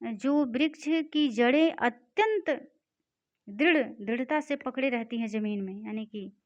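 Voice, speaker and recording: This is a woman teaching a Sanskrit class. She speaks slowly in a slightly high voice, reading each verse and then explaining it. The sound is dull and lo-fi. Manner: slow, reads Sanskrit lines then explains in simple terms. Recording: dull lo-fi recording.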